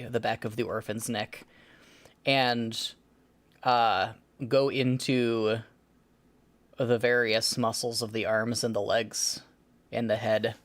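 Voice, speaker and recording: Running a tabletop RPG as game master, a man improvises scene descriptions haltingly. He has a medium-pitched, slightly bright voice.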